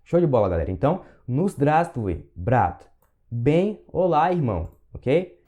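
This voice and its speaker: A man teaching a language lesson, patiently repeating words slowly for learners. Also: medium pitch, very animated, dark tone. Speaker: Russian teacher.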